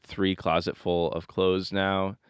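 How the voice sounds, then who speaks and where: A man's voice: sits low, flat delivery, slow, smooth, no room sound. A man co-hosting a podcast in casual chat, joking and playfully blunt, speaking close into a studio microphone. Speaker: podcast co-host.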